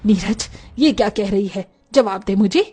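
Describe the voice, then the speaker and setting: A woman voicing a short-tempered, strict older landlady in an animated story, scolding and shouting. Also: mid-range voice, moderate pace, breathy edge, close to an everyday voice. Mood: angry scolding.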